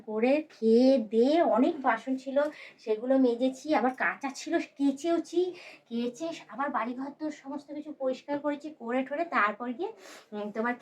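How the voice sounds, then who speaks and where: A woman with a sore throat chats away to her viewers in a quick, rambling flow, her voice sitting a little high. She keeps it soft as she tidies her bedroom at home. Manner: rambling, talks straight to viewers while doing chores. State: sore throat, speaking softly. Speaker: housewife vlogger. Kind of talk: casual chatty vlog.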